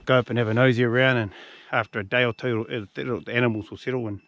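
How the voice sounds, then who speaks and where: A man's voice: mid-range voice, steady tone, fast talker, fairly bright tone. A man with a broad New Zealand accent talks as the host of a hunting vlog, in a laid-back, slangy, matey way. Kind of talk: casual outdoor vlog talk and narration. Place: outdoors in a mountain valley.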